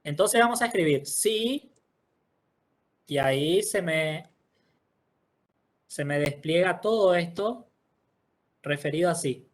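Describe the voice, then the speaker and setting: Patient teacher, step by step. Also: male voice, on the high side, expressive, slow, pauses often. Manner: patient, explains step by step, checks in often with "¿sí?". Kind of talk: online class walkthrough.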